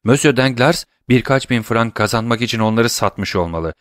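Kibirli, küçümseyen soylu barones; bir erkek okuyucu canlandırıyor, yükseltilmiş sivri ses, kuru kayıt. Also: male voice, expressive, moderate pace, dry recording, clean studio sound, close to an everyday voice. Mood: indignant. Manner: raised pitch, sharp and indignant. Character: haughty scornful aristocratic baroness, woman.

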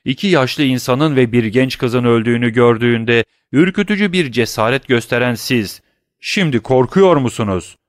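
A stern middle-aged prosecutor played by a male audiobook reader presses his accusations with a forceful, cutting voice. The reading sounds dry and close, with no room around it. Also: medium pitch, normal speed, few pauses, dry recording, lightly acted. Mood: scornful.

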